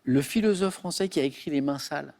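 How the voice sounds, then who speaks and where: A man hosting a television quiz show from a studio, reading out questions briskly and chatting with contestants. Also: a little high, mellow. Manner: brisk, reads questions crisply.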